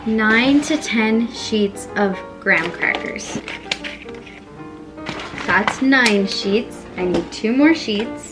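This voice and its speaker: A woman's voice: on the high side, animated, very slow, music in the background. A woman filming a casual baking vlog, talking to herself in a rambling, self-mocking way while reading a recipe aloud. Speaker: home baking vlogger.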